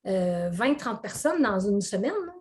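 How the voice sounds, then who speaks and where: A middle-aged woman with a Québécois French accent, chatting as a guest in an interview and telling animated stories with many fillers and frequent laughter. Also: medium pitch, a little slow. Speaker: weight-loss coach, guest. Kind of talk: casual interview chat.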